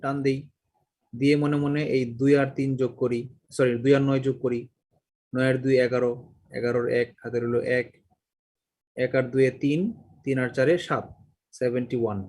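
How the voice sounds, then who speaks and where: A middle-aged man teaching a math class, lively and questioning the students, mixing English terms into his Bengali. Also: medium pitch, moderate pace, long pauses. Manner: mixes English words and numbers into Bengali. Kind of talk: classroom lecture.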